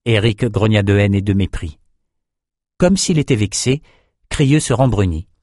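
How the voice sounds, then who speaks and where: A man narrating a fantasy audiobook in a measured, even storytelling manner. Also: on the low side, no echo, studio quality.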